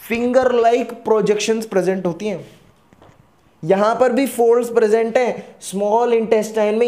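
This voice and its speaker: Male biology teacher, teasing exam-prep lecturer, warm dark tone, mix. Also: sits high. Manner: teasing, answers his own questions in a student voice.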